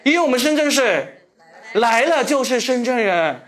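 A man from Shenzhen with a Cantonese accent, doing live stand-up comedy with self-mocking, animated storytelling. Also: extremely high pitch, normal speed. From Shenzhen, Guangdong.

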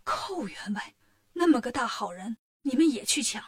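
A woman voicing a gentle male monk who speaks softly and pleads his case. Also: fairly high pitch, expressive, moderate pace. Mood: pleading.

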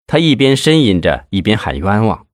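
A man narrating a crime novel in a lively storytelling manner. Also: lowish voice, normal speed, no echo, studio quality. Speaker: audiobook narrator. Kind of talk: scripted narration.

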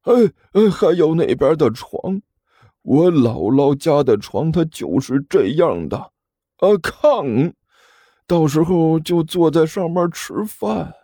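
Man doing a slow, sentimental old master. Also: on the high side, expressive, warm tone, breathy edge, no room sound, studio quality, voice pushed up, heavily acted. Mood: sentimental, insistent. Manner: slow, drawn-out, emotional. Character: older male master, sentimental and stubborn.

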